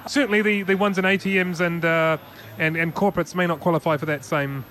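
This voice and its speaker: Chatty high-voiced man hosting tech news. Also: fairly even intonation, a little fast, a bit bright, a little hiss or hum. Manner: chatty, rambling with restarts and laughs. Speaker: podcast co-host. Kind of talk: casual tech news chat.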